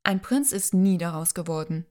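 A woman voicing a teasing, affectionate young woman in love, her lines a little higher than the narration. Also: animated, normal speed, darkish tone, close to an everyday voice. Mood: playful, affectionate. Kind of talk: audiobook dialogue.

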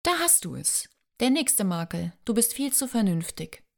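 A young woman in love teases her partner, light and affectionate, as the narrator lifts her voice slightly for her. The lines come from a romance audiobook, read close and clear. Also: mid-range voice, lively intonation, normal speed, lightly acted. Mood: playful, affectionate. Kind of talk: audiobook dialogue.

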